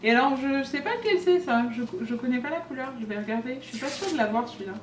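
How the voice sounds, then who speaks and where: A woman's voice: sits high, quick pace, distant mic, a little hiss or hum. Chatty young woman, echoey room. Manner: chatty, lively, talks to the products. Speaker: beauty vlogger. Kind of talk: casual unboxing chat. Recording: echoey room, voice a bit off-mic, faint music.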